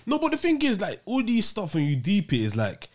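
Fast, animated London man. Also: sits high. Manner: emphatic, repetitive, slangy. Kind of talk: casual podcast debate.

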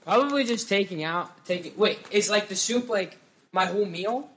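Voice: medium pitch, animated, normal speed, fairly bright tone. A podcast guest giving flustered, giggly answers in casual chat.

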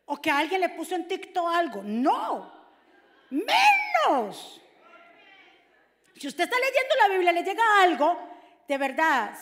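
A woman preacher, delivering an animated sermon that swings from hushed asides to shouted scripture. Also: high voice, big-room sound.

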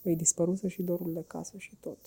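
Woman narrator, audiobook, expressive, gravelly, husky. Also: on the low side. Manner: expressive storytelling.

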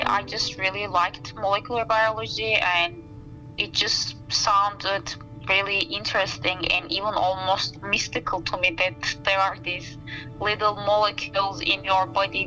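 A Turkish woman in her thirties, a researcher and interview guest, talks thoughtfully in Turkish-accented English about her research by a campfire outdoors in a casual interview. She often pauses and uses fillers while searching for words, her medium-pitched voice pushed and bright on a low-quality recording.

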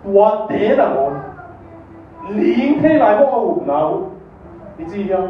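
Slow-preaching man in an echoey church hall. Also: sits high, sing-song, slight background noise. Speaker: pastor. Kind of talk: sermon. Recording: echoey hall, distant mic, dull sound.

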